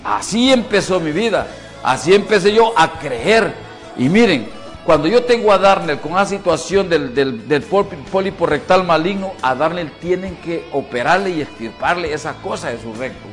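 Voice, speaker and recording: A middle-aged man giving a personal testimony at a men's church event, swinging from loud outbursts to hushed confession. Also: fairly high pitch, expressive, normal speed, soft background music.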